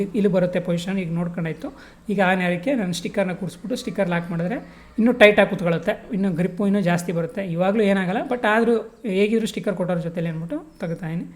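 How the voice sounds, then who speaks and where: A vlogger demonstrates how to install gear in a casual, step-by-step tutorial. Her medium-pitched voice has a darkish tone, and her colloquial speech mixes in English words.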